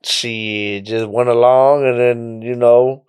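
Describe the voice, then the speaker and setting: A man's voice: mid-range voice, slow pace, clear, resonant tone. A man, telling his story casually as a rapper guest on a podcast. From Mexico. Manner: relaxed storytelling, frequent "you know what I'm saying".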